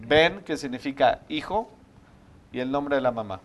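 A man's voice: mid-range voice, lively intonation, moderate pace, dull audio, slight background noise. A man teaching a spiritual meditation class, explaining step by step and often checking with the students.

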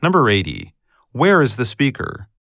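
A man reading scripted exam questions as a test narrator, formal and clearly enunciated. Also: medium pitch, huge pitch swings, normal speed, a bit bright, no room sound, clean studio sound.

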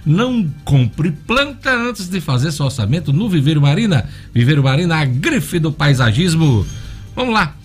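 A man's voice: on the high side, big pitch swings, moderate pace, hardly any pauses, soft background music. A man with a Northeastern Brazilian accent, a radio host reading a hard-sell ad with emphatic repetition of the offers. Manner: emphatic, repeats key offers.

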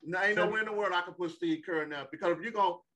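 Casting note: man, high bright voice, stubborn and slangy sports panelist. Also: quick pace. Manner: insistent, repeats his point, slangy. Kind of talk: casual sports debate.

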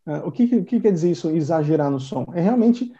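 A man's voice: fairly high pitch, animated, fairly quick, dark tone. A man teaching in a casual conversation, giving tips in an instructive manner. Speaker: English teacher guest. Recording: dull muffled sound.

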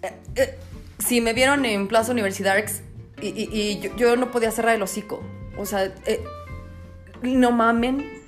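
A young Mexican woman hosting a solo podcast, out of breath as she paces, talking in an excitable, profane rush that swings from shrieks to hushed asides. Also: fairly high pitch, moderate pace, long pauses, soft background music. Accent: Mexican Spanish. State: out of breath, pacing. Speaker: podcast host.

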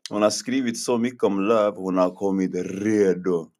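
A young man with a fairly low voice jokes with his co-hosts on a casual podcast. He slips English phrases into his talk. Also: steady tone, darkish tone. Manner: joking, mixes in English. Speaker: podcast co-host. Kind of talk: casual chat.

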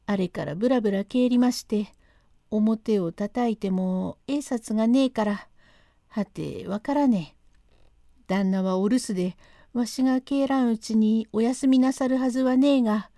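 A woman voicing an excitable rustic male servant who talks in thick country dialect, reading a classic comic storytelling text aloud. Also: on the high side, measured pace, dry recording, studio quality. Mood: urgent.

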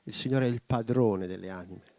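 A man's voice: lowish voice, normal speed, a little mellow, no room sound. A male pastor reading scripture aloud and commenting on it, then leading a prayer that grows more and more intense. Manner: reads scripture then prays with rising intensity.

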